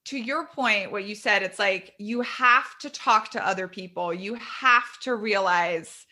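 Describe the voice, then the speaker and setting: A woman in her thirties speaks candidly in an interview, her voice bright and forceful. She tells her story quickly and with animation, often restarting her sentences. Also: mid-range voice. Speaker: guest author. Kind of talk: conversational interview.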